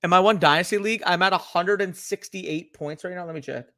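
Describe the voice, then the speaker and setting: A young man with a Canadian accent co-hosts a casual sports podcast, trading laid-back, swear-laced banter. His voice sits high with a sharp tone, he talks fast, and there's no room sound.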